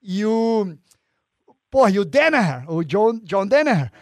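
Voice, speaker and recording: A Brazilian man with a fairly high voice tells a story in a relaxed podcast chat. He is slangy and animated and swears freely, acting out what other people said. The sound is dry and close. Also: unhurried, no echo.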